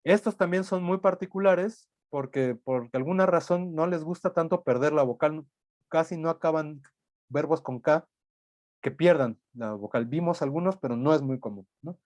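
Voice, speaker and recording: A man's voice: a little high, normal speed, darkish tone, no room sound. Dry-voiced man lecturing. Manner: explanatory, thinks aloud, frequent tag questions. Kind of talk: recorded lecture.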